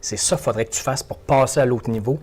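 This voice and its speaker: A man's voice: mid-range voice, brisk, darkish tone, husky. A man with a Québécois French accent, a motivational speaker giving an interview, who repeats words and phrases for emphasis. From Quebec. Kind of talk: animated interview talk.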